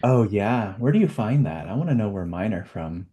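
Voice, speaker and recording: A man's voice: lowish voice, big pitch swings, moderate pace, mellow, husky, lo-fi sound. Chatty man hosting a webinar. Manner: chatty, upbeat, many fillers. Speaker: webinar host. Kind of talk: casual webinar chat.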